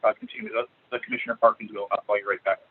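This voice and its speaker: A man speaks quickly as a commissioner over a tinny phone call that breaks up and goes murky and underwater. He sounds halting and apologetic and keeps restarting his phrases. The sound is thin and narrow, like a cheap phone line. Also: on the low side, huge pitch swings, husky. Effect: choppy phone line breaking up, sounding underwater. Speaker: planning commissioner. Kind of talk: remote comments at a public meeting.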